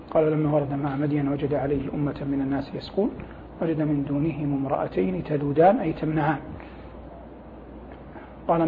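A man speaking as a religious scholar, explaining scripture didactically in formal Arabic and reciting quotations. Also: fairly high pitch. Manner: didactic, formal Arabic with pauses to gloss phrases. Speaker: religious scholar, programme guest. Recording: thin phone-like sound with faint noise.

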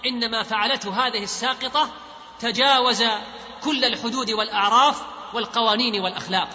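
Indignant mother, as read out by a man; high, bright, roomy. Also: quick pace, a little hiss or hum, full character voice. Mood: angry. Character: angry mother of grown daughters. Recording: echoey hall, dull lo-fi.

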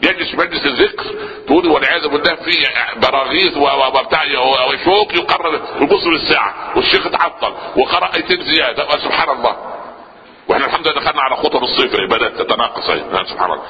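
A man's voice: fairly high pitch, rapid-fire. A man with an Egyptian Arabic accent preaching a sermon, quizzing the listeners with rhetorical questions. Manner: lively, rhetorical questions to the audience. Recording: lo-fi reverberant hall recording.

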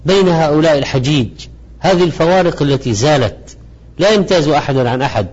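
Guy doing an islamic lecture in formal standard arabic, measured and didactic, higher voice, bit lo-fi. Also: darkish tone. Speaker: religious lecturer presenting a program. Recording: slightly dull, lo-fi audio.

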